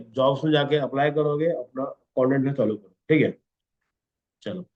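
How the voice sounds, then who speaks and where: A man's voice: fairly high pitch, darkish tone. Man teaching a class, dull lo-fi sound. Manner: instructive, repeats 'okay?' constantly. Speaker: instructor. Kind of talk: classroom lesson.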